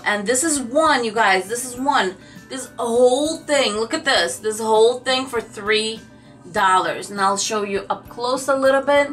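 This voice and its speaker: A woman's voice: medium pitch, pushed and bright. A woman craft vlogger chatting casually to camera about her shopping haul, gushing and talking straight to her viewers. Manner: gushing, chatty, addresses viewers as "you guys".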